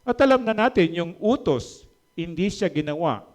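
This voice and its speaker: A man preaching a sermon, switching between quiet storytelling and loud, high-pitched emphasis. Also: expressive, moderate pace. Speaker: pastor.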